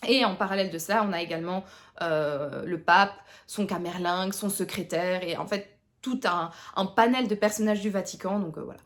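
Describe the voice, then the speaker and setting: Une jeune femme de Tournai, avec l'accent tournaisien, qui parle de ses lectures en vlog, bavarde, avec beaucoup d'hésitations et d'autodérision. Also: female voice, lowish voice, moderate pace. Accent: Tournai Picard (Belgian French). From Tournai, Belgium. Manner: chatty, many fillers and restarts, self-mocking. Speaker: book vlogger. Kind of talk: casual chat to camera.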